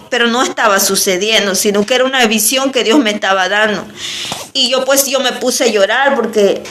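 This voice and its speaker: A woman recounting a religious vision as earnest spoken testimony, halting and repeating herself often. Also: a little high, fairly bright tone. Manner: repetitive, halting, many restarts.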